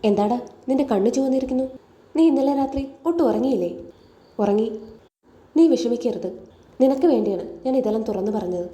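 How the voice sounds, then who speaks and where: A woman voicing a gentle, apologetic middle-aged father who talks in a quiet way in an echoey room. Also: on the high side, brisk, long pauses, close to an everyday voice. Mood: subdued.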